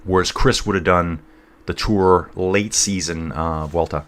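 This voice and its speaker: Low-voiced man chatting through a cycling livestream. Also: fairly even intonation, a little slow. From North East England. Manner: rambling, chatty, addresses viewers as dude and guys. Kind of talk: casual live commentary and chat reading.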